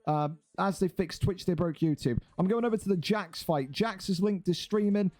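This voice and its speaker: A man hosts a live stream, venting his frustration in a sweary, exasperated rant before calling the fights. His voice sits a little high for a man, yet it has a mellow, warm tone. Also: moderate pace. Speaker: stream host and fight commentator. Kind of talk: casual live-stream commentary.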